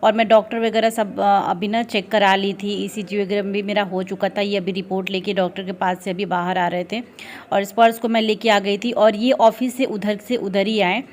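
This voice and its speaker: A young woman with an Indian accent narrating her daily vlog in a casual, soft-spoken and tired way, with frequent fillers. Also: mid-range voice, little pitch movement, normal speed. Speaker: vlogger.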